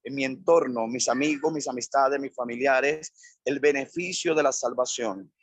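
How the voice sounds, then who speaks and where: Husky-voiced male pastor preaching. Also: medium pitch, moderate pace, no echo. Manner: repetitive, emphatic preaching with listed phrases. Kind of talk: sermon.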